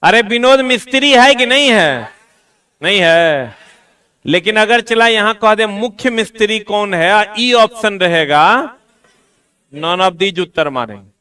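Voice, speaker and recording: Bright-voiced teacher teasing his class. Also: sits high, lively intonation, measured pace, clean tone. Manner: teasing, scolding students in Bihari-tinged Hindi slang. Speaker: exam coaching teacher. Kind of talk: classroom lecture. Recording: voice from a distance.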